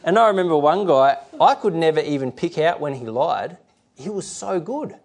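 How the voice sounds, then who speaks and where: A middle-aged man delivers a sermon in an easygoing, conversational way. He rambles and restarts, slipping into little acted-out quotes of other people. His voice sits a touch high for a man. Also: expressive, normal speed. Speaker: preacher.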